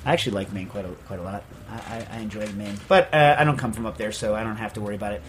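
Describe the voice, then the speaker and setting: A man's voice: fairly low pitch, racing, slight background noise. Male radio host, casual studio banter, loose, joking delivery with plenty of "uh"s. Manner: loose, joking, rambling with many fillers.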